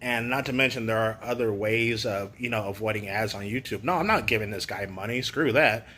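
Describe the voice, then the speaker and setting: A man with a lowish, forceful, rather tense voice rants casually to camera. He is sarcastic and opinionated and scatters "you know" through his talk. A faint hiss sits under the recording. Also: fairly quick. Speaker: YouTube commentator.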